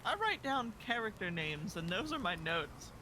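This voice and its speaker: A tabletop player in casual chat, excitable and joking with frequent swearing. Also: mid-range voice, moderate pace, background noise.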